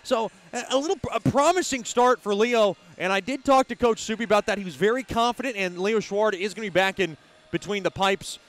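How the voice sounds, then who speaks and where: Male sports broadcaster, high-pitched, hosting pregame hockey commentary with an announcer's address. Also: brisk, fairly bright tone.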